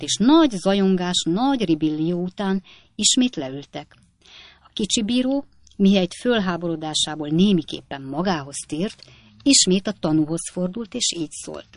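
A woman narrating an audiobook of a classic novel in a lively, expressive storytelling style. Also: fairly low pitch, no room sound.

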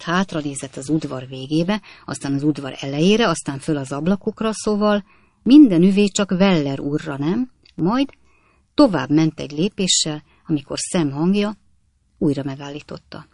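A man reading an audiobook in a calm, measured way. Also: fairly high pitch, vocal fry, no room sound, clean studio sound. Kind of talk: audiobook narration.

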